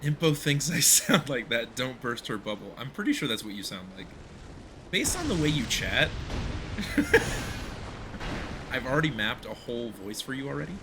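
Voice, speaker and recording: A man's voice: medium pitch, lively intonation, fairly quick. A man streaming a video game, chatting casually and teasing with frequent laughter. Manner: playful, laughs often, teasing. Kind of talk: casual live-stream chat while gaming. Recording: noisy background.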